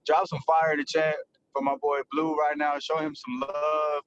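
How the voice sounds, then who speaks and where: A man's voice: fairly high pitch, little pitch movement, normal speed, lo-fi sound, a little hiss or hum. A man hosting a livestream, energetically hyping up his guests and filling his talk with "man" and "bro". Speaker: livestream host. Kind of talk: hype-filled livestream intro.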